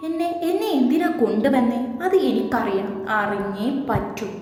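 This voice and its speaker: A woman's voice: fairly high pitch, big pitch swings, moderate pace. Woman voicing a fiery, hurt young wife. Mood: demanding. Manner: sharp, indignant, reproachful. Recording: heavy echo, reverb, faint music.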